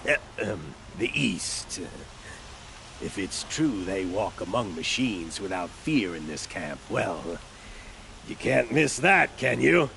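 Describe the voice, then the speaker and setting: A man's voice: sits low, very animated, slow pace, creaky, fairly bright tone, a little hiss or hum, exaggerated voice. An actor playing a greedy, shifty male merchant who wheedles, stammers and sells himself as an opportunist, in video game dialogue. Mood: scheming.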